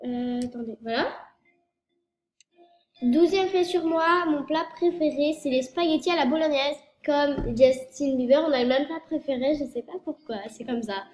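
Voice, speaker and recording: In a casual, meandering vlog, a French youtuber in her early teens speaks at normal speed in a high-pitched, slightly mellow voice, congested from a cold. Fillers and self-corrections pile up, and the recording is echoey with faint noise.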